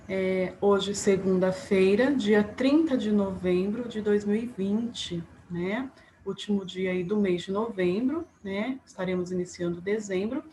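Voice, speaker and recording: A woman teacher giving a remote class to young pupils, slow and patient, spelling words out syllable by syllable. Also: medium pitch, darkish tone. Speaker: primary school teacher. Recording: echoey room, faint background noise.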